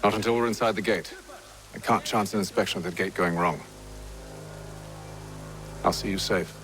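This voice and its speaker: A man playing a composed, commanding gentleman who leads a covert band in a video game, speaking in a measured, formal way. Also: deep voice. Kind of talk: video game dramatic acting. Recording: music under the voice.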